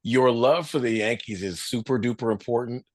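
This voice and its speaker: A man's voice: medium pitch, moderate pace, no room sound. A man co-hosting a podcast in casual chat, often repeating words as he restarts his sentences. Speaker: podcast co-host.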